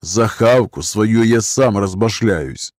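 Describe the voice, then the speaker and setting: A man voicing a huge scarred ex-convict who threatens slowly in criminal slang. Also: lowish voice, darkish tone, no room sound, clean studio sound. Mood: menacing. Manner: slow, menacing, criminal slang. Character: scarred hulking ex-convict, menacing.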